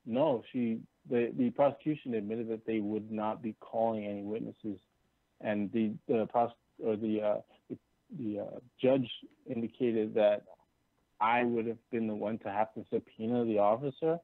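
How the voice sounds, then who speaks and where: A man's voice: on the low side, steady tone, no echo. Man on a tinny voice call. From Canada. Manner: halting, with many restarts and fillers. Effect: heard over a breaking-up voice call line. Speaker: caller. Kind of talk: casual phone-in conversation. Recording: tinny, dry voice call line.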